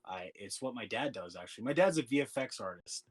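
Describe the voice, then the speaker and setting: A man's voice: medium pitch, animated, brisk, slightly rough. A man in his twenties from California, chatting casually as a podcast guest, laughing often and full of fillers. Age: 20s. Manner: laid-back, laughing often, lots of fillers. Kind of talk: casual chat.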